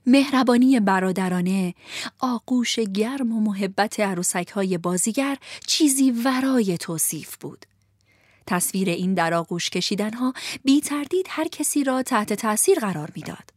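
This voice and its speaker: A woman narrating a children's storybook in an expressive voice, at times soft and half-whispered. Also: fairly high pitch, no room sound, studio quality.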